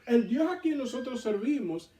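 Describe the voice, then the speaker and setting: A man leading a Bible study, reading scripture aloud and explaining it in an animated way to a responding group. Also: extremely high pitch, moderate pace. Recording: echoey room, mic far off.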